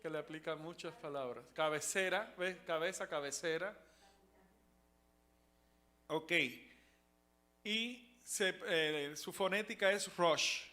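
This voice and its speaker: Teaching a Bible study class, a man with a high, pushed and bright voice talks haltingly, with many fillers and restarts. He asks the class questions along the way.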